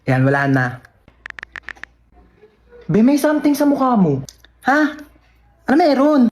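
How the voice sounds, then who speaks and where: High lively young woman, teasing. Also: a little slow. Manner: playful, teasing, bursts into shouts. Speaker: comedy skit creator. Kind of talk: comedic sibling skits. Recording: noisy phone video recording.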